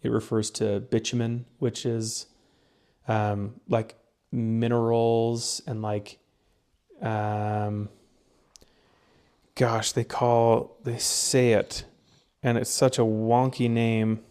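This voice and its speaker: A man's voice: mid-range voice, little pitch movement, very slow, a little mellow, clean tone. A young man co-hosting a casual podcast, explaining research in a rambling way, with lots of fillers and restarts. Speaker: podcast co-host presenting research. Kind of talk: casual chat.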